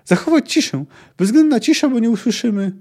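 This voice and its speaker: A man voicing a jumpy, hot-tempered male bandit who yells in alarm. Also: very high-pitched, very animated, slow pace, husky, pitched above the performer's own voice, full character voice. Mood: furious. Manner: yelling, alarmed.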